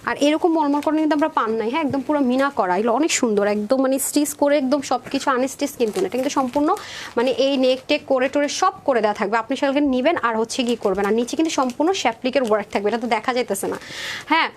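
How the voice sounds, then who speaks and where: A woman presenting dresses in a live sales stream, chatty and rapid, calling viewers sister. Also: sits high, a little hiss or hum. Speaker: online clothing seller.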